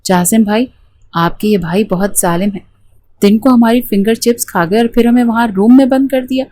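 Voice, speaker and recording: A woman's voice: a little high, moderate pace, warm tone, lightly acted. A woman voicing a headstrong young girl in a romance storybook, whiny and defiant.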